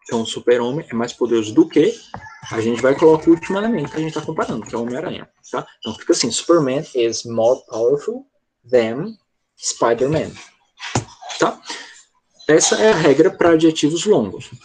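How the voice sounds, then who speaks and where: A man's voice: on the high side, expressive, quick pace, darkish tone, slight background noise. A man with a Brazilian Portuguese accent, an English teacher explaining grammar step by step in an online class, often checking whether his student follows.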